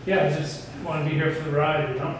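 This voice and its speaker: A man's voice: on the high side, steady tone, fast. A middle-aged man, a veteran tattoo artist, chatting bluntly and casually over a game of pool, often adding "you know". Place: indoors at a pool table. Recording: echoey room, distant mic, noticeable background noise.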